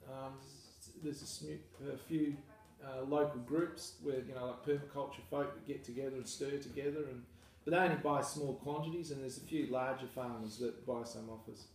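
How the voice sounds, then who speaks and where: An Australian man, a farmer, talking casually and at length in an interview, relaxed and self-deprecating. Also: medium pitch, normal speed, hardly any pauses. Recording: echoey room, mic far off, faint noise.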